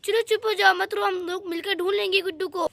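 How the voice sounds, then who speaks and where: A woman's voice: very high voice, fairly even intonation, a little fast, vocal fry, a bit bright, no room sound, full character voice. A woman voicing a bossy mother in a doll story who scolds and reassures in turn. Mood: stern.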